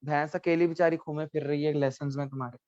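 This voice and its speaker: A man teaching a language class online, repeating each word slowly and quizzing his students. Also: fairly high pitch, fairly even intonation, a little mellow, no room sound. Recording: dull lo-fi sound.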